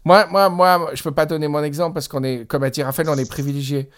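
A man's voice: on the high side, steady tone, fast, fairly bright tone. A man co-hosting a podcast in casual chat, talking enthusiastically with frequent hesitations, recorded over a Skype call. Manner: enthusiastic, hesitant with many fillers. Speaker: podcast co-host.

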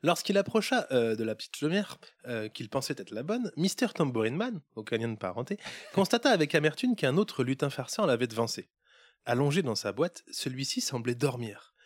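A man's voice: mid-range voice, sing-song, brisk, no room sound, studio quality. A man hosting a podcast who narrates a Christmas storybook tale in a playful way, with running gags. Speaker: podcast host.

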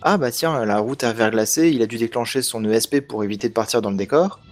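A man's voice: medium pitch, fast, faint music behind. A man hosting a casual tech podcast chat, explaining news in a hesitant way with many restarts and fillers. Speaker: podcast host.

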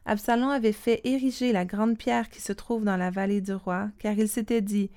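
A woman reads a Bible story aloud in a calm, steady, scripted way. Her voice is smooth and resonant, sitting at an ordinary middle pitch. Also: normal speed. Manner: calm steady reading with quoted speech.

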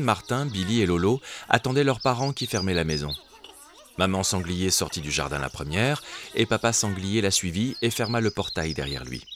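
A man narrating a children's storybook in a gentle, expressive way. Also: lowish voice.

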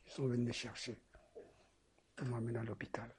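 Husky, mellow-voiced man preaching. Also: mid-range voice, little pitch movement. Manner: halting, repeats phrases, swings between loud urging and soft murmurs. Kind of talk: testimony sermon.

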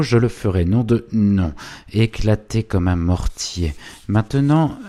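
A man's voice: on the low side, mellow, voice pushed up, close to an everyday voice. Man putting on a raised, scheming hunchback clerk. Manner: bitter, scheming, feverish. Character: spiteful, cunning male hunchbacked clerk.

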